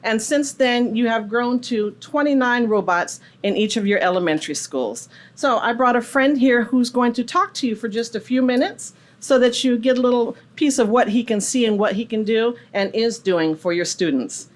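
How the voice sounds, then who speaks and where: A woman's voice: fairly high pitch, moderate pace, hardly any pauses. A woman giving a polite, businesslike presentation into a microphone at a school board meeting. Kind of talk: formal presentation. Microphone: microphone at a lectern.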